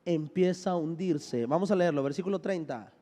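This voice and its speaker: A man's voice: fairly high pitch, normal speed, dark tone. A man pastor preaching a sermon, leading the congregation in call-and-response with joking asides, sounding a bit unwell. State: unwell, says he is sick. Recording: long hall reverb.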